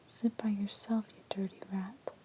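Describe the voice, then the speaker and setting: A woman playing a scornful, defiant woman in hushed, emphatic whispered role-play from a scary story. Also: mid-range voice, level tone, measured pace, noisy background, natural voice. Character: defiant, scornful woman hollering insults back in the dark.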